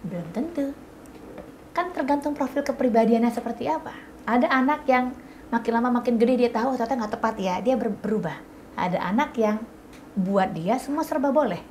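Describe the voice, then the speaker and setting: A woman's voice: a little high, fairly quick, a little mellow, a little hiss or hum. A middle-aged woman giving parenting advice in a casual chat, firm and patient as she explains. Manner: firm, explains patiently, mixes in English phrases. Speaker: parenting expert guest.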